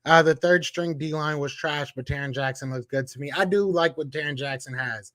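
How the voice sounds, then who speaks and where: A man with a Philadelphia accent hosting a live sports podcast, reading out chat comments and trash-talking in a casual, animated way. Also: on the high side, brisk, no echo. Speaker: podcast host.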